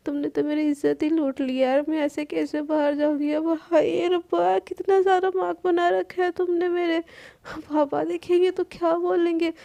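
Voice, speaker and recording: A woman's voice: extremely high pitch, creaky, dark tone. A woman voicing a playful young wife who wails and teases in a theatrical way. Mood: teasing. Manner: melodramatic wailing and teasing. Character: dramatic teasing young woman, playful newlywed.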